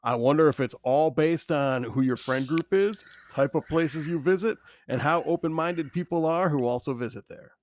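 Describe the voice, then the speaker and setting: A man co-hosting a podcast, calm and supportive, reading out listener questions. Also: on the high side, moderate pace, few pauses, a little hiss or hum. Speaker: podcast co-host and producer. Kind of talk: casual podcast chat.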